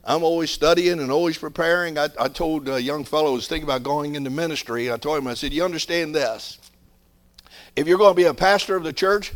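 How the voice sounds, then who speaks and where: Delivering a sermon, a slightly high-voiced pastor in his sixties rises to forceful climaxes and sinks into hushed asides. He often repeats words to drive a point home.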